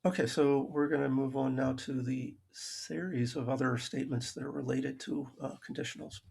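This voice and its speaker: A man lectures on logic over slides in a heavily gravelly, rough and breathy voice at a middling pitch. He explains patiently, stumbles into restarts, and drops wry asides at his own expense. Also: steady tone, normal speed, a little mellow. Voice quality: gravelly, husky voice. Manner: dry self-aware humor, frequent restarts.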